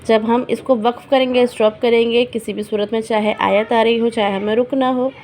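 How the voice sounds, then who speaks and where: Female recitation teacher, patient, higher-pitched voice, repeats each word slowly, faint background hiss. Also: fairly even intonation, darkish tone. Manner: patient, repeats example words slowly, checks in with "ठीक है". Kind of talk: online lesson explaining recitation rules.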